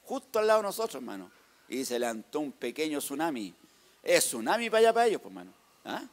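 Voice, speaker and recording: A man with a Chilean accent giving a lively church testimony, narrating slides and often calling out to the congregation. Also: a little high, quick pace. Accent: Chilean Spanish. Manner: lively storytelling, tags "hermano" and "¿ah?".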